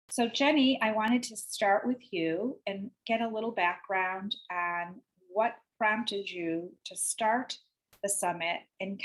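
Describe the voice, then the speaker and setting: A woman hosts a webinar over a video call at a middle pitch. She reads announcements and introductions with many uhs between phrases. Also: low-quality recording. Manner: reads announcements with frequent uh fillers. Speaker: webinar host. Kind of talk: hosting a webinar interview.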